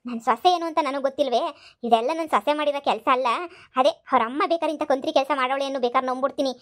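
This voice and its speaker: A woman's voice: high-pitched, fairly even intonation, very fast, fairly bright tone. A woman voicing a stubborn older village mother-in-law who scolds and repeats herself. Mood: scolding. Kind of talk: cartoon voice acting.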